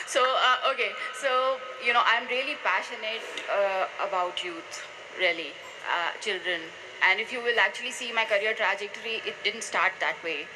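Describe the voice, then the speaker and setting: A woman's voice: mid-range voice, normal speed. Woman, scientist panelist, hesitant, lots of fillers, noisy live recording. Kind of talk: self-introduction on a panel.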